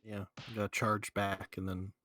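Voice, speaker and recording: A man's voice: lowish voice, flat delivery, normal speed, bright, forceful tone. A man co-hosting a podcast, chatting casually over gameplay, giving dry teasing remarks and game tips. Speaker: podcast co-host.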